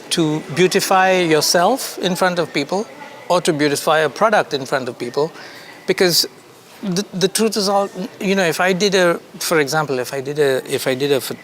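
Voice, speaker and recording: A man from India with a slightly raised voice speaks as an interview guest, unhurried and reflective. He circles back over his words and laughs easily. Faint background noise sits under the recording. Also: a little high, a bit bright. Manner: thoughtful, repeats words while searching, laughs easily. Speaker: creative director, interview guest. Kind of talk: casual conversation.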